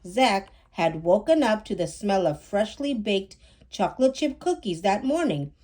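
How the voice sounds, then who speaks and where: At an unhurried pace, a woman reads a children's story aloud in a measured read-aloud style, narrating expressively and acting out the dialogue. Her medium-pitched voice has a darkish, expressive tone.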